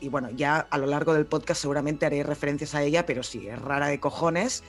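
A woman's voice: sits low, quick pace, faint music behind. A woman with a Spain Spanish accent co-hosts a casual film podcast. She talks in a chatty, loose way, explaining things and joking as she goes. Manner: chatty, explains and jokes freely. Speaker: podcast co-host.

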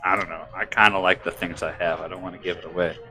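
Bright-voiced man playing a tabletop game. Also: low voice, fairly even intonation, fast talker, faint music behind. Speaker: player. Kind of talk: tabletop role-play.

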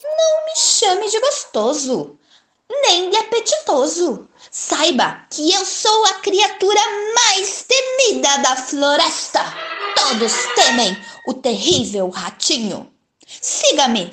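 A woman doing a tiny, quick-witted mouse from a children's storybook, bright and cocky. He brags in a high voice that leaps up and down, bluffing his way past danger. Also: big pitch swings, heavily acted. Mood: boastful. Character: small clever boastful male mouse.

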